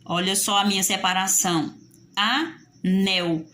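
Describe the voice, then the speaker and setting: A woman's voice: mid-range voice, big pitch swings, measured pace, bright, forceful tone. A woman teacher with a Brazilian Portuguese accent giving a video lesson for young children, in a sing-song teaching voice that asks and answers pupils' questions.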